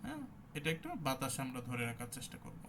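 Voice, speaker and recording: A man's voice: medium pitch, huge pitch swings, fast talker, noisy background. A man teaching an online Quran recitation class, explaining letter sounds and demonstrating each one.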